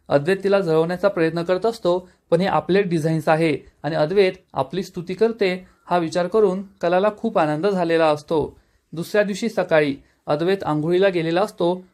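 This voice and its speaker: A man narrating a scripted episode recap of a TV serial, steady storytelling that reads out every quote plainly. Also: sits high.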